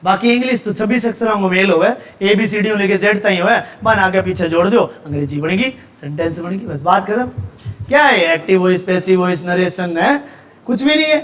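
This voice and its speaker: A male teacher with a Haryanvi accent lectures his class in a voice pitched unusually high for a man. He lays out his method step by step and keeps pausing to check that the students are following. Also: fairly bright tone. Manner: explains step by step with frequent check-ins.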